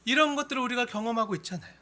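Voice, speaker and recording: High, bright-voiced male preacher. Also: very fast. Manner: swings from loud impassioned appeals to hushed, near-whispered asides; asks the congregation rhetorical questions. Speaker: pastor. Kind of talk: sermon.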